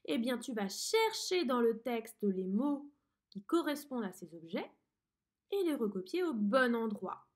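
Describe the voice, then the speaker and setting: A woman teaching a dictation lesson to a young pupil, pronouncing each word slowly and clearly. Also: on the high side, big pitch swings. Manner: slow, clearly articulated teacher talk to a child. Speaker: primary school teacher.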